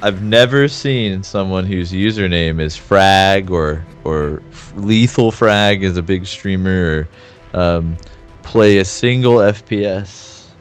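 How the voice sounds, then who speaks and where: A man's voice: low-pitched, slow pace, smooth, faint music behind. A man chatting as a guest on a game stream, teasing and rambling with frequent laughs. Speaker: guest co-commentator. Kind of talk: casual gaming stream chat.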